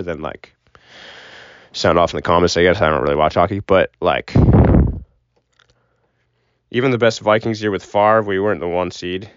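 A young adult man hosts a solo sports podcast, rambling casually with strong opinions and swearing now and then. His voice is lowish. He records inside a closet, so the sound is muffled, dull, and dry.

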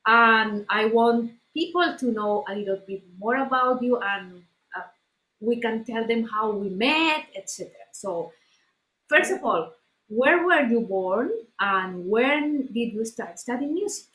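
A woman's voice: a little high, lively intonation, unhurried, fairly bright tone. Woman podcast host in an echoey room. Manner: friendly, asks questions. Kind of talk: podcast interview. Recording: roomy echo.

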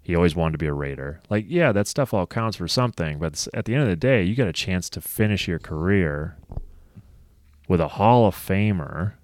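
Deep-voiced man co-hosting a sports podcast. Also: animated, fairly quick, darkish tone, no echo. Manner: chatty, laughs often, trails into asides. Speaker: podcast co-host. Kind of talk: casual sports chat.

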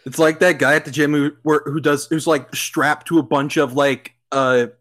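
Young man, fairly high voice, excitable, laughing, casual movie commentary, swearing. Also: normal speed. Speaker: podcast co-host.

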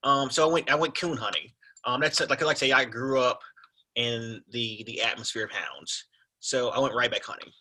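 A young man with a raspy voice, telling his story as a podcast guest in a laid-back, rambling way. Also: mid-range voice, moderate pace, bright, forceful tone. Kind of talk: casual conversation.

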